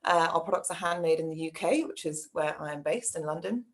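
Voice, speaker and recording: A woman co-founder giving an introductory business pitch as a panelist. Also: a little fast.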